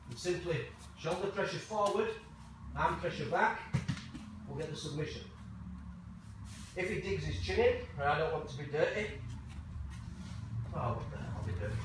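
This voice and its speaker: A male martial arts coach demonstrates moves in short, casual instructions. His slightly high voice carries from a distance through a very reverberant room. He breaks each technique into small steps as he goes. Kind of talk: hands-on jiu jitsu demonstration. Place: large echoey indoor training room. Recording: very echoey, noisy room, far from mic.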